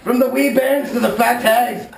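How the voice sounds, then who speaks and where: High-pitched creaky man giving a bawdy toast. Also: steady tone, moderate pace. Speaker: speaker giving a toast at a Burns supper. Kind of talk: bawdy comic after-dinner speech. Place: live supper gathering in an echoey room. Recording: echoey room, loud background noise, clicks.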